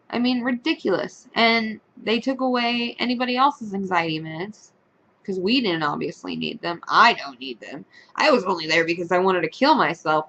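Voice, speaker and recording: A woman's voice: medium pitch, fairly bright tone, dull audio. A young adult woman telling a story in a casual vlog, blunt and profane with a sarcastic edge. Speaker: vlogger.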